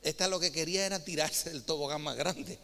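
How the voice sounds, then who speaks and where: A man with a Spain Spanish accent preaches a sermon in a church hall with long reverb, telling anecdotes and reading scripture as lively stories and acting out the dialogue. His voice is fairly high and fairly quick.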